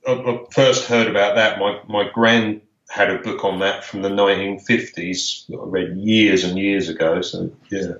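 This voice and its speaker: A man with a fairly low voice talks as an interview guest. His manner is informal and easygoing. The sound is muffled and roomy, with noticeable echo. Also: fairly even intonation, normal speed, hardly any pauses, fairly bright tone. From Essex, England. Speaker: podcast guest, health shop owner. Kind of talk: casual interview chat. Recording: roomy, dull lo-fi call-like sound.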